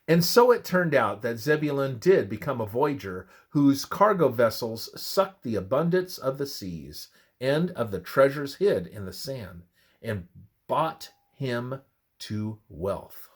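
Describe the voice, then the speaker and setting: Here the man's medium-pitched voice carries a breathy edge as he reads from a scripted religious study with scriptural citations. He sounds measured, expressive, and oratorical.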